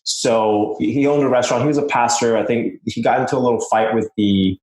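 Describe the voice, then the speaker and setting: A man's voice: medium pitch, fairly quick. Young male guest from Malaysia, mid-range voice, loose storytelling manner, echoey room sound. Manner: relaxed, frequent fillers and short laughs. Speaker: podcast guest, business owner. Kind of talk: casual interview. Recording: roomy echo.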